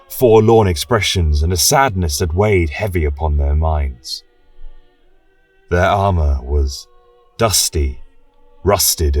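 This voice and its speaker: In a solemn, dramatic style, a low-voiced man narrates a scripted fantasy tale, recorded on a distant mic in an echoey room. Choral music plays behind him.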